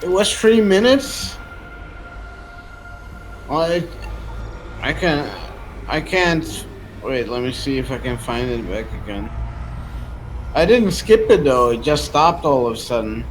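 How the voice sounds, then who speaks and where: A man's voice: mid-range voice, sing-song, slow pace, long pauses, soft background music, low-quality recording. A young man streaming a game and chatting casually with friends, joking, laughing and swearing freely. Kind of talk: casual chat while gaming.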